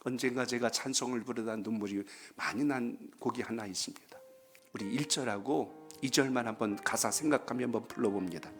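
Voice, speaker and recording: A man's voice: mid-range voice, fairly quick, soft background music. A man, a pastor, preaching a Friday prayer-meeting sermon in a church, calling for amens and telling folksy jokes. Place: church sanctuary.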